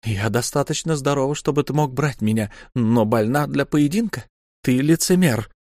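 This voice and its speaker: Man voicing mocking young wife, sharp-tongued, teasing, defiant, dry studio sound. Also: medium pitch, moderate pace, dry recording, voice pushed up, natural voice.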